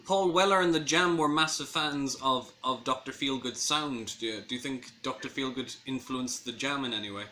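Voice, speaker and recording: A man's voice: medium pitch, normal speed, hardly any pauses, bright, forceful tone, a little hiss or hum. A man interviewing a guest with casual, conversational questions.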